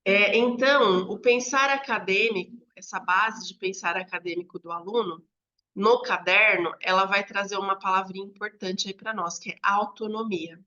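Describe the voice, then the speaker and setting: A woman's voice: medium pitch, steady tone, moderate pace, sharp tone. Brazilian woman teacher trainer explaining. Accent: Brazilian Portuguese. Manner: conversational, explains step by step with frequent rhetorical "né?". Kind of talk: instructional talk to teachers. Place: home room near a street. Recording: slightly dull lo-fi audio.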